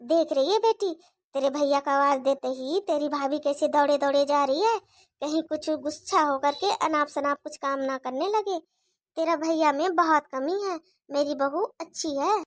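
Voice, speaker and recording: A woman's voice: high-pitched, normal speed, no room sound, clean studio sound, close to an everyday voice. Woman voicing a fussy older mother-in-law. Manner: fussy, scolding, chatty. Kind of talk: cartoon story voice acting.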